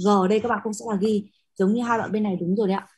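A young woman teaching a class speaks quickly with a husky, breathy edge. She explains patiently, stops often to check that students follow, and leans on filler words as she goes. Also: mid-range voice, steady tone, darkish tone. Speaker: Latin teacher. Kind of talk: classroom lesson.

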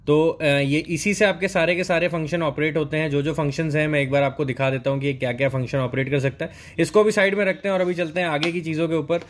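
A young adult product reviewer at a helmet and riding gear store gives a casual, explanatory unboxing narration, slipping English words into his speech. He talks quickly with a high-ish, fairly even voice and barely pauses, while the store's ambience adds noticeable background noise.

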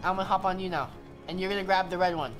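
A young man hosting a co-op game session, excitedly coaching his partner with quick repeated commands. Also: high voice. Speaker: gaming host. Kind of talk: casual co-op gameplay chat. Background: game music.

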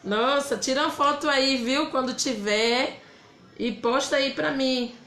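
A woman from Bahia, speaking with a Bahian Brazilian Portuguese accent, hosts a casual live craft demonstration. She's chatty, greeting viewers by name and reading their comments aloud, in a high-sitting, slightly bright voice at a measured pace. The room has a noticeable echo.

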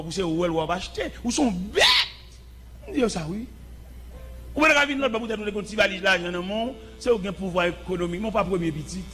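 A man preaches a sermon in a high, bright, ringing voice. His delivery is impassioned, rising into shouts and brief sung phrases. Faint music plays behind him.

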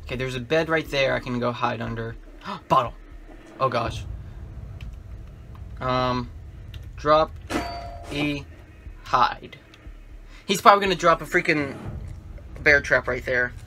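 A man's voice: medium pitch, slow, long pauses, sharp tone, a little hiss or hum. A young man giving casual commentary on a horror game, thinking aloud to himself as he plays. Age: young adult. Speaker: gamer playing a horror game with facecam.

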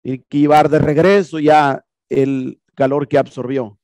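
An unhurried man with a voice on the high side, fairly even and a little mellow, teaches HVAC in front of a projector screen. He talks through the video casually, repeating himself with rhetorical questions, and the sound has no echo.

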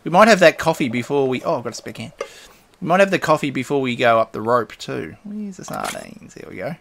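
Chatty gravelly man. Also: medium pitch, wildly swooping pitch, brisk, fairly bright tone, slight background noise. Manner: chatty, rambling, mutters item names and laughs to himself. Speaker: gaming video host. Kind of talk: casual gameplay commentary.

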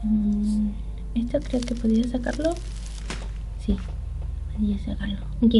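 With game music in the background, a woman hosting a gaming channel narrates her let's play in a casual, uncertain way, partly muttering to herself. She has a mid-range voice and talks a little slowly.

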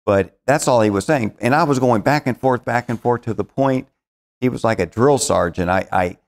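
A man's voice: medium pitch, moderate pace, gravelly. A middle-aged man, a financial planner and the show's founder, telling a rambling story in a studio interview with many restarts. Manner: rambling, restarts, shouts out quoted lines.

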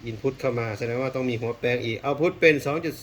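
An unboxing video host with a mid-range, slightly bright voice speaks very fast, offering casual hands-on commentary as he thinks aloud while exploring, using polite phrasing. Rustling and clicking are clearly audible in the background.

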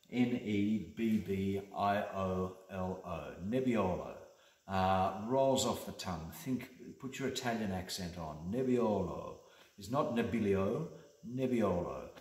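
A middle-aged man, a winemaker, leading a casual wine tasting with an enthusiastic, rambling delivery full of fillers. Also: deep voice. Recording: echoey room.

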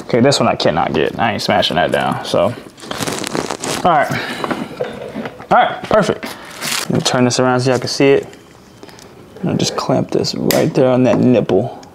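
A man's voice: mid-range voice, sing-song, moderate pace, gravelly, pauses often, background noise. A young man casually talking through a DIY car repair as he works, laid-back and swearing now and then. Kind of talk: casual hands-on narration.

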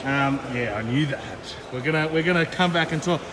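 Speaking on the high side with a fairly bright tone, a man films a walkaround vlog of an aquarium expo on a handheld gimbal. He's upbeat and chatty as he runs fast through the booths, while background chatter fills the large, noisy indoor hall.

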